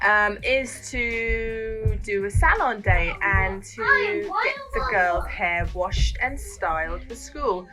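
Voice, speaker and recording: A woman talking candidly and haltingly in a casual personal vlog, sounding weary and emotionally strained. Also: mid-range voice. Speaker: parent vlogger. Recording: music behind the voice. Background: music.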